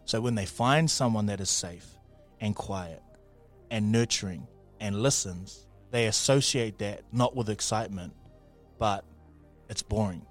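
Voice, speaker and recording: A man's voice: on the low side, measured pace, soft background music. A man with a New Zealand accent chatting casually and jokily as co-host of a morning radio show. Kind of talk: casual, jokey radio chat.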